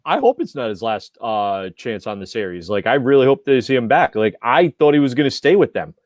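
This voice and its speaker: A man rambles eagerly through a fan discussion, full of fillers, at an ordinary middle pitch. The recording is dry and close. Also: sing-song, fairly quick, no echo. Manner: enthusiastic, rambling, heavy use of like and you know. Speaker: podcast panelist. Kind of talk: casual panel discussion.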